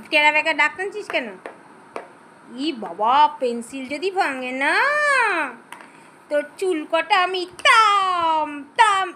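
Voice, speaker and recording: A woman chats playfully with a toddler while filming her. Her voice sits very high and swoops up and down as she exclaims and coaxes. Steady background noise runs under the home recording. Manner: teasing, coaxing, exclaiming often. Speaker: mother filming her small daughter. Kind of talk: casual home video chat with a toddler.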